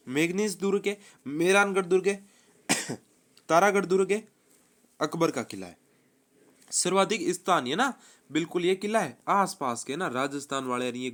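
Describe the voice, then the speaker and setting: A man teaching a live online exam-prep quiz class, reading options and repeating answers in a brisk, quizzing manner. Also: a little high.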